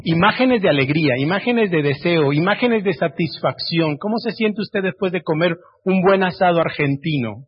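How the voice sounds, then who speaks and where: A man with a high, husky voice preaches a sermon and keeps putting questions to his listeners. He moves between loud, emphatic lines and hushed ones. The recording sounds dull and lo-fi. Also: animated, normal speed, hardly any pauses. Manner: asks the congregation direct questions.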